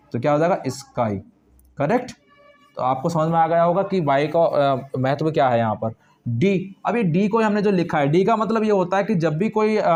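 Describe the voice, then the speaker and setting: A man's voice: fairly high pitch, darkish tone. A young man from India teaching English letter sounds, asking and answering his own questions and repeating key points. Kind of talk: classroom-style explanation.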